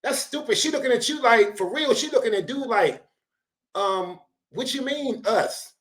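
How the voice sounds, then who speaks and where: A man hosting a show, reacting to a clip with animated, slangy, preachy advice. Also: extremely high pitch, moderate pace. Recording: roomy echo.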